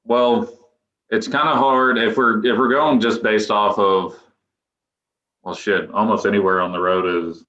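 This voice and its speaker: Deep-voiced young man in an echoey room. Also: fairly even intonation, measured pace, a bit bright. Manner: rambling, loose, with restarts and chuckles. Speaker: guest, professional baseball pitcher. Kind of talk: casual podcast interview. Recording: echoey room, dull lo-fi sound.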